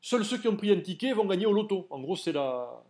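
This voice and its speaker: A man with a high, slightly mellow voice lectures at a seminar, very animated and a little fast. He explains things step by step in a didactic way, addressing the audience directly with questions.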